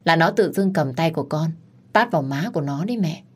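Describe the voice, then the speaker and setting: A woman's voice: deep voice, lively intonation, fairly quick, slightly rough. Woman telling a first-person drama. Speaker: narrator.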